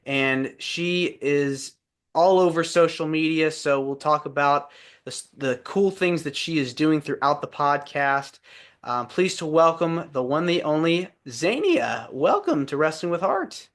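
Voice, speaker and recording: A man's voice: fairly high pitch, lively intonation, measured pace, a bit bright. A man hosting an interview podcast, upbeat and positive as he asks questions. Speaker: podcast host.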